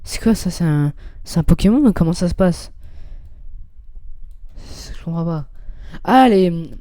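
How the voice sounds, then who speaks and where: Young man, gaming commentary, rambling, dark mellow voice, dry recording. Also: on the high side, expressive, unhurried, no echo. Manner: chatty, rambling, reads game text aloud. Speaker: gaming youtuber. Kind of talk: casual gameplay commentary.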